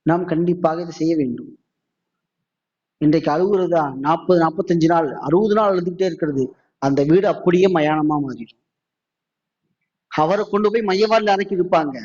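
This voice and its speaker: A Tamil-speaking man preaching a mosque sermon. He asks the audience many questions and slows down to recite quotes. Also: fairly high pitch, a little mellow, lo-fi sound.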